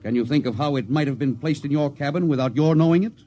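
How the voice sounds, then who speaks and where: An actor playing a stern, authoritative spaceship captain in a 1950s radio drama. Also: male voice, a little high, fast, mellow, lightly acted. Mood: stern, suspicious. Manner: authoritative, clipped, interrogating. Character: stern, commanding, hot-tempered spaceship captain. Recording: vintage radio recording, faint background noise.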